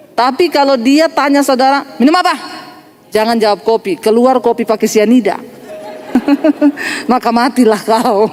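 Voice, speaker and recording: A middle-aged woman pastor with an Indonesian accent, preaching a sermon as animated storytelling and often calling her listeners "Saudara". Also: sits high.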